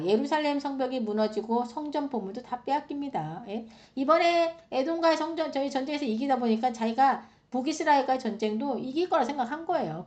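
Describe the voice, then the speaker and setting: A woman teaching a Bible passage to her listeners in an animated way, asking them questions often and acting out the quoted voices. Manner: acts out quoted voices with big pitch jumps. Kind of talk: Bible study talk.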